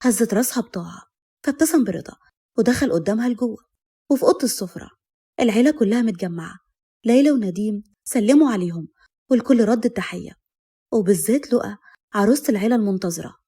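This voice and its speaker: Fast, husky Egyptian woman narrator. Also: on the high side. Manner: brisk, steady narration. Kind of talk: audio story reading.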